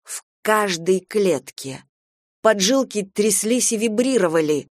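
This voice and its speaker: A woman narrates a humorous everyday story with lively, expressive delivery. Her voice sits in the middle range. It is recorded close and dry, with no room echo. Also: medium pitch, slow. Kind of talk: storybook reading.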